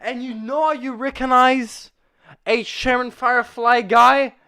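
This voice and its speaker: A drunk livestream host rambling and swearing through casual commentary, getting drunker and prone to excitable shouting. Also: mid-range voice, measured pace, smooth.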